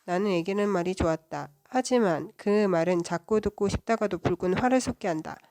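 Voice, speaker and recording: A woman reading a children's novel aloud in a soft, even voice. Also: medium pitch, fairly quick, no room sound, studio quality. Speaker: children's book reader. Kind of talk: storybook read-aloud.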